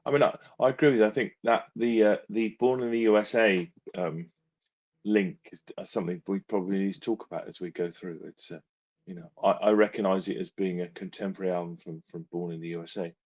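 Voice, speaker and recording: A man talks casually in a fairly low voice. He sounds tentative and wry, picking through his opinions as a panellist. The audio is a little dull and lo-fi. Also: steady tone, fast talker. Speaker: panellist on a music album show. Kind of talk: casual chat.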